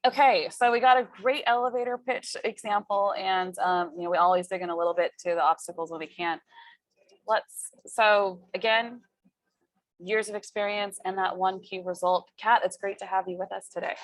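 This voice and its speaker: A woman's voice: mid-range voice, steady tone, moderate pace, no echo, rough recording. A woman hosting a group career coaching session in an encouraging, informal, conversational way.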